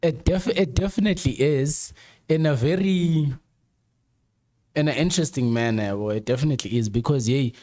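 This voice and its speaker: A man with a mellow, mid-range voice speaks at normal speed as a guest on a casual chat show; he works as a camera operator. He talks emphatically and in slang, frequently repeating or restarting his phrases.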